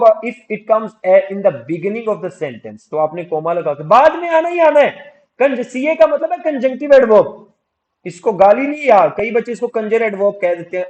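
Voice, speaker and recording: A man teaching English grammar for exam prep, switching between Hindi-Urdu and English and reading example sentences slowly with stress. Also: high voice, a little mellow. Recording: dull lo-fi sound.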